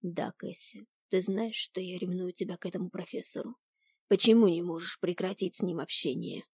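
A woman's voice: lowish voice, normal speed, darkish tone, breathy edge, no echo. A woman voicing a jealous, sulky young male wizard who talks in a bitter growl. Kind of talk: audiobook character voice.

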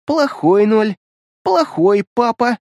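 A man's voice: high-pitched, lively intonation, slow, a little mellow, no echo, voice pushed up. A man voicing an eerie little girl who taunts in a sweet, childish sing-song in an audiobook. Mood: taunting. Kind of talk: audiobook character voice.

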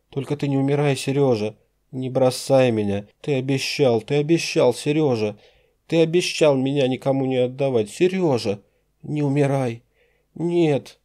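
A man reading an audiobook voices a terrified young woman whose cries break into a shrill falsetto. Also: warm tone, clean tone, close to an everyday voice.

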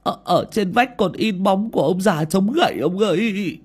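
A man's voice: high voice, animated, normal speed, slightly rough, pitched above the performer's own voice. A man doing a shrieking, stammering servant boy. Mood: frightened. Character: terrified young male servant boy.

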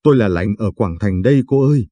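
A man's voice: lowish voice, expressive, quick pace, warm tone, no room sound. A man reading the lines of a frightened, confused old woman patient who pleads and stammers. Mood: pleading.

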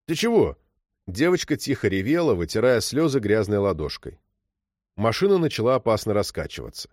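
A man reading a story aloud as narrator, expressive and storytelling. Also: fairly low pitch, fairly quick, no room sound, clean studio sound. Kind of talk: audiobook reading.

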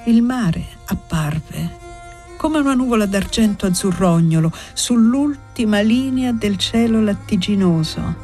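A woman narrating a classic novel as an audiobook, reading in a measured, expressive way. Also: medium pitch, faint music behind. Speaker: audiobook reader.

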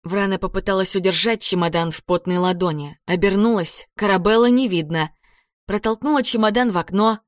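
Woman narrator, audiobook, expressive, mid pitch, dry close recording. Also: brisk, no echo. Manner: dramatic, expressive.

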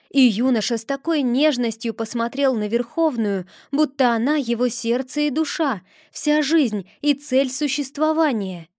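A woman narrates a fantasy audiobook in the first person with lively, expressive storytelling. Her voice sits fairly high. The recording is dry and close, with no room sound. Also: dry recording.

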